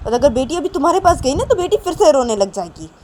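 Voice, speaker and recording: A woman's voice: high voice, very animated, quick pace, darkish tone, a little hiss or hum, voice pushed up. A woman voicing an exasperated young woman, a protective new mother, who insists and scolds in a spoken storybook.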